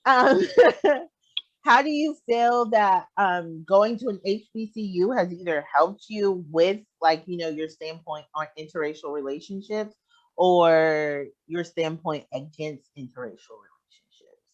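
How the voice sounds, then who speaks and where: A young podcast host asking long, rambling questions in a relaxed way, with many fillers. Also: mid-range voice, measured pace. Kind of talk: casual podcast interview. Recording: dull lo-fi sound.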